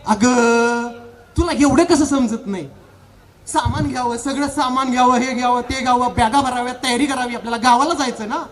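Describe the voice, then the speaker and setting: A man's voice: very high-pitched, normal speed, fairly bright tone. A man playing a nagging rustic husband. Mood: impatient. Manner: nagging, gruff, repeats himself. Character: impatient rural village husband, grumbling and joking. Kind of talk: comic stage play.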